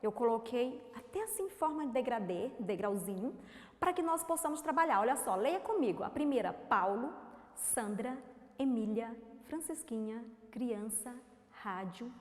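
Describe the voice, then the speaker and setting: A woman's voice: on the high side, expressive, normal speed, reverberant, long reverb tail. A woman teacher with a Brazilian accent, giving a lesson to young children and coaxing them with questions. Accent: Brazilian Portuguese. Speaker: primary school teacher. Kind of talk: remote class lesson for children.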